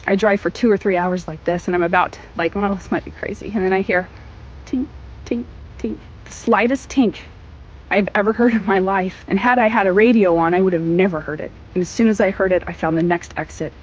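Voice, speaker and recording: A woman from Missouri telling a personal faith testimony in an emphatic, conversational way with dramatic pauses. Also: lowish voice, fairly even intonation, lo-fi sound, a little hiss or hum. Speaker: storyteller sharing a faith testimony.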